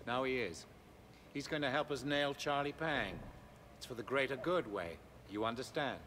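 An actor playing a calm, scheming middle-aged police superintendent in a video game cutscene, speaking in a measured, quietly persuasive way. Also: male voice, mid-range voice, slight background noise. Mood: cold, persuasive.

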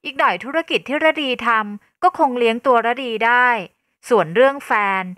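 A woman voicing a spoiled, defiant rich young woman who talks back in a high, petulant, raised voice. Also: animated, fast, sharp tone, no echo, studio quality.

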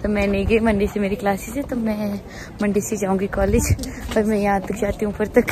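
A young woman vlogs casually while walking along a busy town street, talking loudly and chattily to the camera in a mid-range, level voice, a little fast. It's recorded outdoors on a handheld phone camera with no mic, so crowd chatter and noise come through.

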